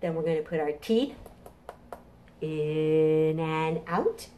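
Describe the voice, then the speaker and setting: This middle-aged woman's voice sits low, with a dark tone and a slow delivery, as she presents a preschool storytime in the role of children's librarian. Her simple, encouraging words are meant for small children and their parents. The setting is an indoor home kitchen, captured by a nearby camera.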